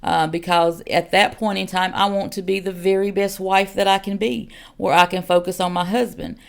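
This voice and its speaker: A woman's voice: medium pitch, steady tone, moderate pace, gravelly. A woman in her forties, an elder of a ministry, giving a podcast teaching in an earnest, direct way, with many "um"s and repeated questions. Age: 40s.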